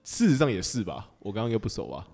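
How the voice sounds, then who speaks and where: A man's voice: on the low side, very animated, quick pace, a little mellow, in a large hall, faint music behind. A young man with a Taiwanese accent chatting casually and bluntly as a podcast co-host, with a teasing, informal manner. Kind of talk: casual chat.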